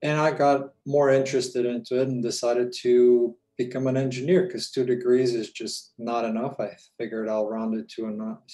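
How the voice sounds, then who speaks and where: Man, workshop presenter, warm mellow tone, relaxed talk, lots of ums. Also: mid-range voice, low-quality recording. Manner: casual, informal with many fillers. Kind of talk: live online presentation.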